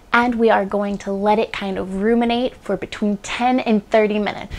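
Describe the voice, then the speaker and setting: A woman in her twenties hosts a home cooking demonstration from a small kitchen, speaking through a lapel mic. She's chatty and upbeat, tossing in playful asides, with a medium-pitched voice and slight background noise.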